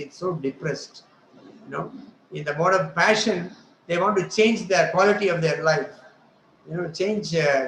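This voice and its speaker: A man's voice: a little high, fairly bright tone. A man gives a conversational religious lecture. He often checks in with "right?" and acts out the voices he quotes. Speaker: spiritual teacher. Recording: roomy echo, faint noise.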